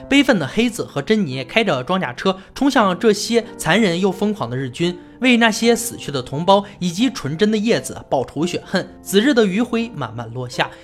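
A narrator walks through a war film in scripted recap narration. The pitch swings widely and sits in a middle register. The dialogue is read dramatically in the narrator's own voice over soft background music. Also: sing-song, a little fast, hardly any pauses.

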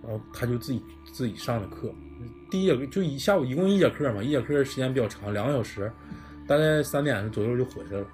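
A man's voice: mid-range voice, lively intonation, fast talker, darkish tone, soft background music. A man with a Northeastern Chinese accent telling a true ghost story in casual podcast chat, blunt and swearing freely.

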